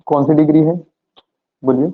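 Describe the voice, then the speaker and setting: A man's voice: on the high side, flat delivery, moderate pace. A man teaching an English grammar lesson to a class. He asks questions and answers them himself, and spells words out letter by letter. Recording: tinny phone-like audio.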